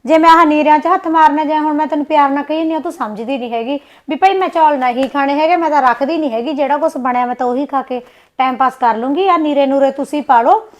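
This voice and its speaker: A woman with a Punjabi accent acting a young village wife in a short film, complaining and snapping back. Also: high-pitched. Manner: sulky, complaining, quick retorts.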